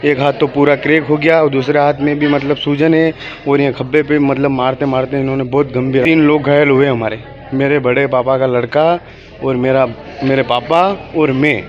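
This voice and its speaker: A man recounting being attacked, telling a reporter in halting, repetitive speech with many restarts. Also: medium pitch, flat delivery, highs cut off. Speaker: victim giving a statement. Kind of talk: on-the-spot account to a reporter.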